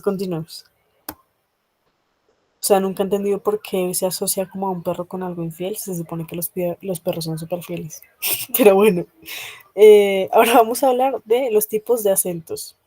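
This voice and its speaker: Patient woman teacher, mellow and dry. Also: medium pitch, no room sound. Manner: patient, checks understanding often; many hesitation fillers. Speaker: language teacher. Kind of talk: explaining a grammar lesson to a class.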